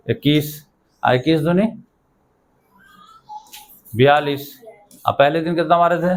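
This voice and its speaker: Male teacher, fairly high voice; lecturing, asks questions, then answers them himself. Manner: quizzes listeners and answers himself; repeats checking "okay?" often. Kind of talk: classroom lesson with questions.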